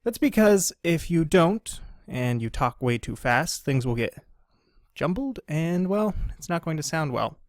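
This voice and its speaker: A man hosting a training tutorial, speaking slowly and with careful, deliberate enunciation in a polished presenter voice. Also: a little high, very animated, dry recording, studio quality. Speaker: instructional video host.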